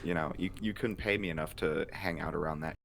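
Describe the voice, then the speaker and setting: A man's voice: a bass voice, quick pace, creaky. A man co-hosting a podcast, chatting casually and crudely, with lots of filler words and joking asides. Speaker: podcast co-host.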